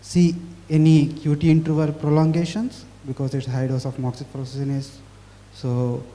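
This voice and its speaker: A man in the audience asks a technical question, halting and restarting as he goes. His voice is mellow and a bit high, carried by a long hall reverb. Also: level tone. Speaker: audience member asking a question. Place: conference hall.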